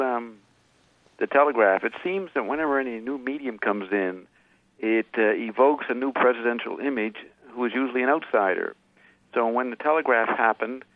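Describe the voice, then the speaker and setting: Measured man on a dull radio line. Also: mid-range voice, no room sound. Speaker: radio guest, media commentator. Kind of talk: explanatory radio interview talk.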